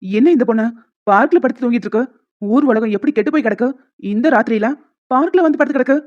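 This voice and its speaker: A woman's voice: fairly high pitch, fast, darkish tone, dull audio, close to an everyday voice. A woman voicing a kindly older male park watchman in a cartoon, talking in a fatherly, scolding way. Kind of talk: cartoon voice acting.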